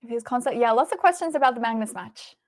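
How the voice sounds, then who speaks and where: Animated and fast, the Australian host's fairly high voice bounces along as she chats on her livestream. She thinks out loud and reacts casually to what viewers write in.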